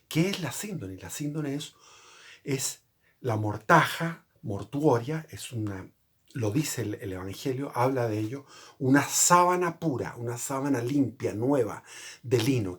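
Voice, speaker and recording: A man with a husky, somewhat breathy voice speaks at an ordinary middle pitch. He explains a religious subject in an earnest, unscripted way, wandering off on tangents and often correcting himself mid-thought. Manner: rambling, with frequent restarts and self-corrections. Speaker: channel host.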